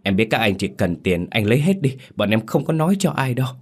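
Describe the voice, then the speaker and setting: A man's voice: mid-range voice, very animated, fast, slightly rough. A man voicing a terrified young wife who begs tearfully in a spoken horror story. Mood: begging. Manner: begging, tearful.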